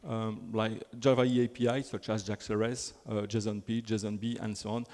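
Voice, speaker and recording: Delivery is flat and at normal speed, in a fairly low, slightly mellow voice. The speaker, a Belgian man with a French accent, gives a chatty, self-deprecating technical conference talk riddled with fillers and restarts, recorded in a large hall with long reverb.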